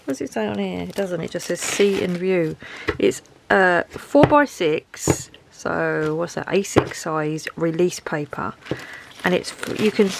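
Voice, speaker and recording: A crafting vlogger with a head cold and a dry throat chats casually to the camera at home while showing off her craft haul, rambling and poking fun at herself. Her voice sits fairly low and sounds gravelly, with noise in the background.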